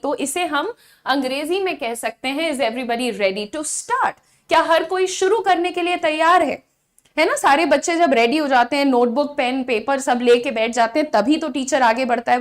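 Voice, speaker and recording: A woman teaching a spoken-English class online. She says English model sentences slowly and clearly, explains them in Hindi, and sometimes mimics chattering students. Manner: acts out chattering students in a quick high voice.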